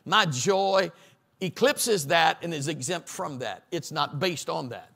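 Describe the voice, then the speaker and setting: A middle-aged pastor preaches from a church stage at a Bible study, stacking lists up to a crescendo and calling on the audience to respond. His voice is a little high, with vocal fry, and sounds pushed and bright.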